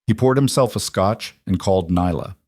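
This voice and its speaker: A man narrating a story in a measured, even manner. His voice is fairly low, and the recording is close and dry, with no room sound. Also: dry recording. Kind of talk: scripted narration.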